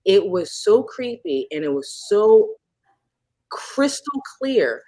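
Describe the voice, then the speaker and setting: Animated woman telling a spooky story. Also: slow pace, a little hiss or hum. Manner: animated, acts out moments with sudden pitch jumps. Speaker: guest. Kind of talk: storytelling in a casual podcast chat.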